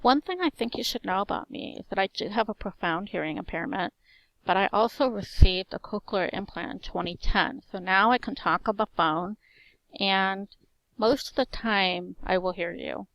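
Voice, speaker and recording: A teacher in her forties speaks at normal speed in a medium-pitched, strong voice that carries, slightly slurring her S sounds. Her self-introduction moves through a list in short, even phrases. There's no room sound, and the high frequencies are cut off.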